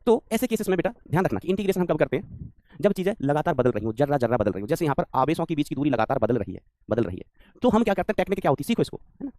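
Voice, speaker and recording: A man's voice: a little high, big pitch swings, very fast, dark tone, no echo. A man teaching a physics lesson online, scolding and teasing his students, often repeating his phrases.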